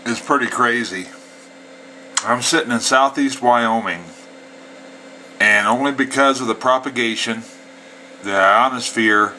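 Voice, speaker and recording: In a rough recording, a lowish-voiced man sounds pushed and bright as he operates a CB radio. He talks folksily with CB slang, switching between radio calls and casual explanation amid CB static and chatter.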